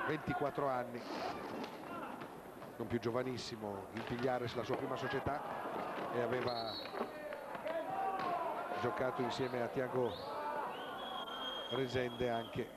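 A man giving live match commentary as a sports commentator, excited and drawing out words at goals. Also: mid-range voice. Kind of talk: live goal commentary on an Italian roller hockey match. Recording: very noisy sports hall TV broadcast.

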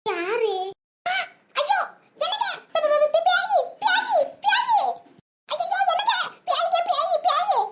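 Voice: very high voice, fast talker, background noise. A performer voicing a panicky village mother in a cartoon comedy, speaking with a Kanyakumari Tamil accent in a piercing, frantic voice. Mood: terrified.

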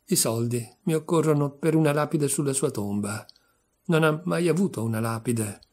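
A man's voice: on the high side, moderate pace, darkish tone. A man reading a story aloud, voicing a poor, timid elderly widower who speaks with sighing sorrow. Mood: mournful. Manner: sighing, mournful. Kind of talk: audiobook reading.

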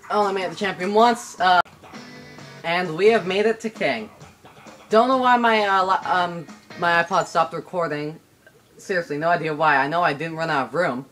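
A man giving casual, excitable play-by-play as he plays a video game, rambling and laughing often. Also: high-pitched. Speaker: gaming channel host. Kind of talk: casual gameplay commentary. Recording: game music playing under the voice. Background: video game music.

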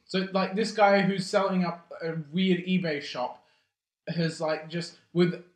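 A man's voice: high-pitched, fairly even intonation, unhurried, reverberant, rough recording. A young man casually riffing on a bad movie, swearing freely and talking while snacking, with lots of "like" and "um".

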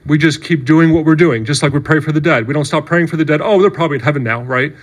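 A man's voice: fairly high pitch, fast. A male priest giving a sermon in an earnest, conversational way, often checking in with "right?" and "okay". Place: church.

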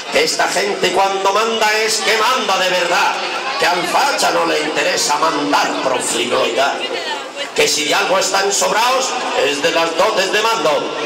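High-voiced Spanish town crier, distant and echoey. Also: male voice, gravelly. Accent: Spanish from Spain. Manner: declaiming rhymed verse like a town crier. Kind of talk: town crier's satirical rhymed proclamation. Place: outdoors at night, public festival stage. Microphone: far camera in the audience. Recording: distant outdoor amateur recording, echoey, loud crowd noise.

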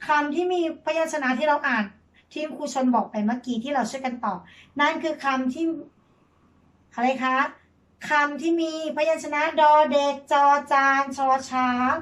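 A woman teacher leading a reading lesson for young children, spelling words out and praising her pupils gently. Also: high voice, normal speed, poor audio.

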